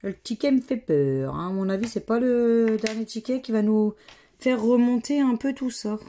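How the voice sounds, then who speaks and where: A woman with a fairly high but dark-toned voice and a French accent scratches lottery tickets for her vlog. Murmuring slowly and casually, she reads the letters out individually.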